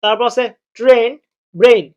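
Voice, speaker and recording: A man teaching English pronunciation, repeating phrases slowly and spelling words letter by letter. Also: very high voice, a little mellow. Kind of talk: spoken lesson. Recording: dull lo-fi recording.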